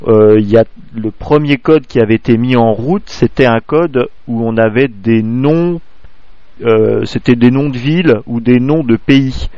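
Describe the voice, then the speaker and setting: A French man gives an amateur radio lesson aloud, halting and full of fillers and restarts, sitting close to a desk microphone that clips. His voice is mid-range, there's no room sound, and the highs are cut off.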